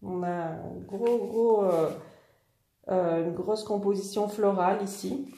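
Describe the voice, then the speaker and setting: A woman's voice: medium pitch, steady tone, takes it slowly, gravelly, mellow. A woman who runs a shop, casually presenting new products in a chatty way, with many fillers and repeats. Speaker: online scrapbooking shop owner. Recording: echoey room.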